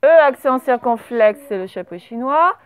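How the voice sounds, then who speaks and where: A woman teaching a primary class, dictating words slowly and spelling them out letter by letter. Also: high voice, expressive. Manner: slow, over-articulated dictation of words.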